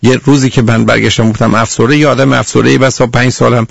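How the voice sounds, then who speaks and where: A man's voice: medium pitch, flat delivery, creaky. A man hosting a radio call-in advice show, lecturing a caller sternly and calling them dear again and again. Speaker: radio counselor.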